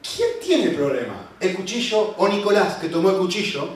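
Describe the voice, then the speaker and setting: A male preacher delivers a sermon with a high, swooping voice and emphatic repeated refusals. He sounds set back from the mic in a very reverberant hall, with faint room ambience behind him. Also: moderate pace, recorded from a distance, a little hiss or hum. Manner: animated, emphatic repetitions of "no".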